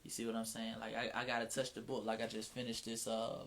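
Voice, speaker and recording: A man's voice: fairly low pitch, monotone, fast talker, fairly bright tone. A man from Atlanta with a Southern Mississippi twang, hosting his own livestream in frank, slangy casual chat. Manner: slangy, frank, drops profanity, many restarts.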